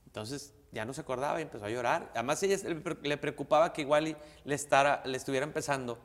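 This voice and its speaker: A man's voice: mid-range voice, fast. A middle-aged man with a Mexican accent, a comedian telling a family story in slangy, crude, rambling talk full of restarts. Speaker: guest comedian. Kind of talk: casual storytelling. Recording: long reverb.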